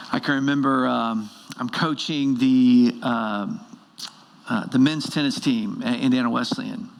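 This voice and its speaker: A middle-aged man preaching a church sermon, telling stories with animated, emphatic repetition. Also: mid-range voice, slow, gravelly, long pauses. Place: church service.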